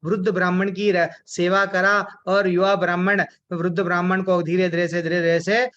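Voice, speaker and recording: High, bright-voiced man teaching a class. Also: normal speed, muffled recording. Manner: animated, asks and answers his own questions. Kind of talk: devotional class storytelling.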